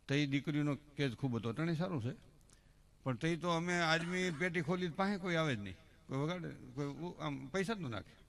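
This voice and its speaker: A middle-aged man with a Kathiawadi Gujarati accent telling folksy comic stories on stage at a religious festival, speaking into a stage microphone and acting out the villagers he quotes. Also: a little high. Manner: folksy, addresses the crowd as elders, acts out quoted villagers. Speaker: folk stage performer and joke-teller. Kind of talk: live stage comedy storytelling. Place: religious festival pavilion before a crowd. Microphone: stage microphone on a stand.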